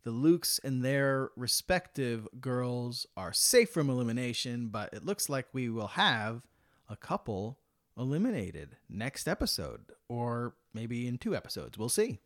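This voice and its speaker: A man's voice: mid-range voice, sing-song, measured pace. A man hosting a podcast in a casual, chatty style. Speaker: podcast host.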